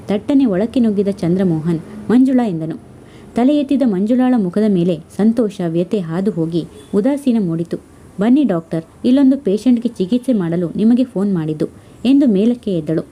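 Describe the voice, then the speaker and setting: A woman reading a story aloud in a steady, measured way. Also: medium pitch. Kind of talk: scripted story narration.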